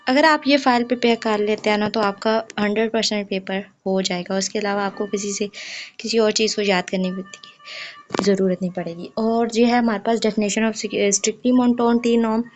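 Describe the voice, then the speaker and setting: A young woman, going slowly through exam revision as an online tutor and mixing English math terms into her speech. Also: mid-range voice, steady tone, lo-fi sound, a little hiss or hum.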